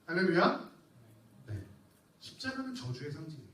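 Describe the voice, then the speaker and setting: A male pastor preaching to a youth group, animated and asking the congregation questions, with joking asides. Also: a little high, moderate pace, roomy sound, recorded from a distance, low-quality recording. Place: church hall.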